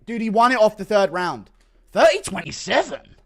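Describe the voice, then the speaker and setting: Man, high-pitched voice, livestream fight commentary, excitable, sweary, swings from calm to shouting. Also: fairly quick. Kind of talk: live fight commentary and casual chat reaction.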